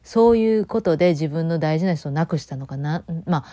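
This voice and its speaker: Chatty Kansai woman, quick and rambling. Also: sits low, dry recording, clean studio sound. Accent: Kansai Japanese. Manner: chatty, rambling, lively storytelling with many fillers. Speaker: vlogger. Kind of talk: casual solo chat. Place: home.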